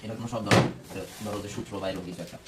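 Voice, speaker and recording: A man's voice: fairly low pitch, fairly even intonation, very fast, background noise. Male teacher, strict, repeats words for drilling, roomy classroom, far from the mic, children chattering behind. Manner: strict, drills pronunciation by repetition. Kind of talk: classroom English lesson.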